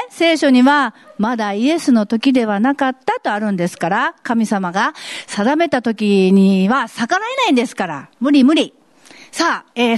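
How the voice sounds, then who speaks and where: A woman's voice: fairly high pitch, no echo, studio quality. A woman acting as a polite reporter in a mock street interview, explaining Bible passages. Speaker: skit reporter and Bible teacher.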